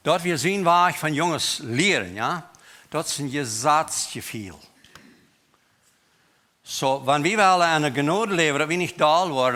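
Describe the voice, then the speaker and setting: A man preaching a sermon in a church, with a Low German accent, mixing German and English words into his talk in an emphatic way. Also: sharp tone. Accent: Mennonite Low German.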